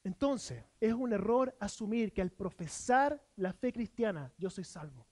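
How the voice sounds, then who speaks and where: Chilean pastor preaching, dry close sound. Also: male voice, sits high, expressive, unhurried, a little mellow, no room sound. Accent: Chilean Spanish. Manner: earnest preaching, rhetorical questions, voicing imagined objections. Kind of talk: sermon. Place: church.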